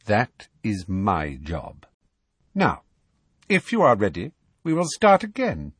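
A man voicing a cold, sneering male teacher who speaks in a low, dangerous, clipped voice. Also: huge pitch swings, slow, slightly rough, dry recording, heavily acted.

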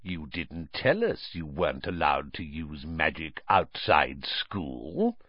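Bullying middle-aged uncle, hissing, emphatic, gloating, swinging pitch, audiobook villain, slightly dull sound. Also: male voice, big pitch swings, slow pace, slightly rough, dry recording, full character voice. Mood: gloating menace. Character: menacing middle-aged bullying uncle, hot-tempered, falsely respectable. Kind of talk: audiobook character voice.

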